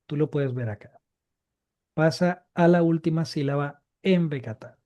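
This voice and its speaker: A man's voice: on the high side, measured pace, warm tone, muffled recording. A man teaching a live Biblical Hebrew grammar class, explaining patiently and repeating each key point.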